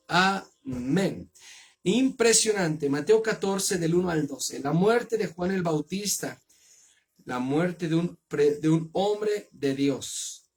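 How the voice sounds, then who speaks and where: A man with a Mexican accent reading the Bible aloud and then preaching on it in an earnest, measured way. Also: high-pitched, breathy edge.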